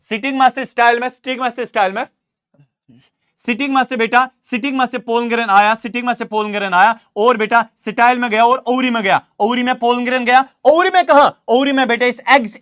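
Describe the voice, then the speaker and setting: A man's voice: extremely high pitch, a bit bright. A man with a Kashmiri accent teaching a school biology lesson, repeating each point and asking and answering his own questions. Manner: repetitive drilling, asks and answers own questions, calls students "beta". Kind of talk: classroom lecture.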